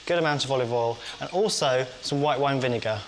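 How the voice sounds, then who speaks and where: Male cooking host, mid-pitched, chatty kitchen demo, clear kitchen noise behind. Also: quick pace. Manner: chatty, talks while cooking and tasting. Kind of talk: cooking demonstration.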